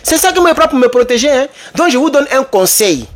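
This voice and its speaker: A man's voice: very high-pitched, brisk. A man from Côte d'Ivoire with an Ivorian French accent, telling a story and giving advice straight to his viewers. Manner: animated storytelling, addresses viewers directly. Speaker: vlogger. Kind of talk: casual monologue to camera.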